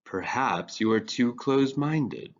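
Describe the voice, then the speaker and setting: A man voicing a gloomy teenage goth boy who drones in a breathy monotone. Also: mid-range voice, measured pace, dull audio.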